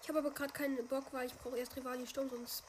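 A woman giving casual gameplay commentary, chatting along, swinging between loud outbursts and quiet mutters. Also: high-pitched, level tone, quick pace, noisy background. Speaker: gamer.

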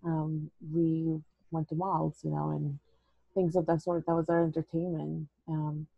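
A woman from El Salvador, an educator appearing as a guest in an interview conversation, earnestly tells her story and drops in words here and there. Her voice is low, level and unhurried, with vocal fry and slight roughness. The lo-fi recording has no room sound.

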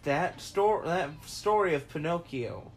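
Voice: mid-range voice, measured pace, slight background noise. A host commenting casually over a film in a chatty, rambling way, often stumbling and restarting. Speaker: reaction video host.

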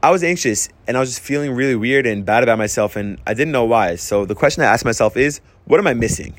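This host is a young man with a mid-range voice, lively intonation and a quick pace, talking earnestly about dealing with emotions. He tells personal stories, restarting frequently and leaning on "I'm like," while slight background noise sits under him.

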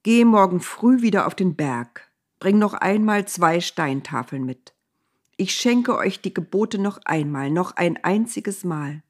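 A stern, weary divine voice that speaks calmly and without pity from a cloud, read by a woman. It is husky and slow, a little low. A Bible story read aloud. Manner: calm, stern, unmoved, briefly snapping.

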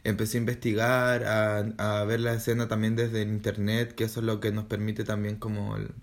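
A drag artist from Chile with a low, Chilean-accented voice, speaking as a podcast guest. Thoughtful and unhurried, they stop often to find the right word before carrying on. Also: male voice, completely flat delivery. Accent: Chilean Spanish. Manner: thoughtful, pauses often to search for words. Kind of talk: casual podcast interview.

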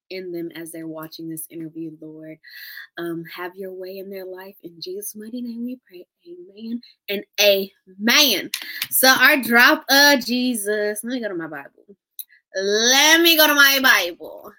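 A woman hosting a live show in a casual, slangy, playful way, chatting with viewers and leading a short prayer. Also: medium pitch. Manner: lively, slangy, playful and laughing. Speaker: host of a live interview show. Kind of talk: casual livestream chat with prayer.

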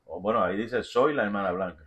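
A man's voice: on the low side, quick pace, a crowd in the background. A man leading a fervent intercessory prayer as pastor, reading out requests and repeating praise between phrases.

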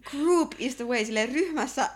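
A woman's voice: high voice, lively intonation, over a noisy crowd. A young woman co-hosting a podcast, speaking earnestly and chiming in with laughs. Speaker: podcast co-host. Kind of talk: casual chat.

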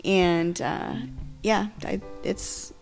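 A woman's voice: lowish voice, steady tone, extremely slow, creaky, music in the background. A middle-aged woman co-hosting a devotional podcast with her husband, speaking heartfelt and emotionally, often stopping and restarting her sentences. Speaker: podcast co-host. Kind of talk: devotional casual chat.

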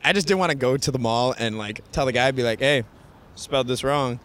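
A man's voice: medium pitch, brisk, a bit bright. A young man co-hosting a podcast, telling loose stories full of "like" and "yo" and laughing often. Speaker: podcast co-host. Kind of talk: casual chat.

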